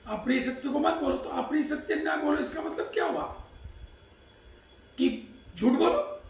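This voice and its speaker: A man's voice: extremely high pitch, normal speed. Echoey, distant man giving a Vedic talk. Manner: explanatory, asks and answers his own questions; recites Sanskrit verses then explains them. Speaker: Vedic discourse speaker. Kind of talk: Hindi religious discourse. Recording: echoey room, distant mic.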